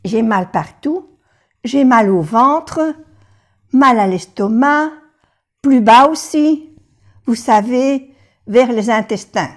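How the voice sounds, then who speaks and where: An older woman teaching French phrases in a lesson, patiently repeating each phrase slowly. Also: fairly high pitch, animated. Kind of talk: language lesson.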